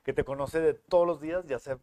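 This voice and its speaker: A man's voice: a little high, fairly even intonation, brisk, warm tone, no echo. A man hosting a talk show, asking easy questions and reading out viewer greetings. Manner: friendly, reads out viewer greetings. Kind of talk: casual interview chat.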